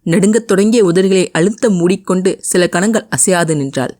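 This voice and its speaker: A woman narrating a romance audio novel with an expressive, emotive reading. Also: lowish voice, moderate pace, no room sound, studio quality. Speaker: storyteller.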